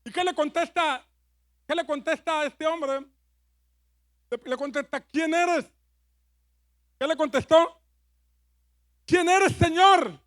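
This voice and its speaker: A man's voice: extremely high pitch, a bit bright. A man preaching a sermon with fervor, repeating his phrases and calling on the congregation to answer back. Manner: fervent, repeats phrases, leads congregation call-and-response.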